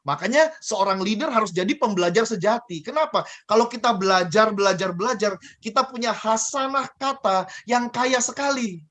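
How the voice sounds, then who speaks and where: A man giving a lively coaching talk on communication, asking and answering his own questions and repeating key phrases. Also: sits high, moderate pace, hardly any pauses. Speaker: guest speaker on communication.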